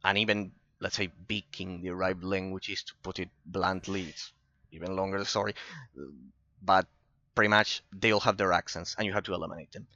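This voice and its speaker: An Argentine man with a Spanish accent chats casually with viewers while playing, repeating himself and laughing. His voice is low and bright, recorded close on a dull, dry mic. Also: flat delivery, moderate pace, no room sound. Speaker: gaming streamer. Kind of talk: casual chat over gameplay.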